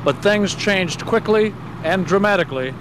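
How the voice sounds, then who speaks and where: A man's voice: high-pitched, lively intonation, normal speed. A man giving a scripted television news report as a field reporter. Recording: clear outdoor traffic and vehicle noise.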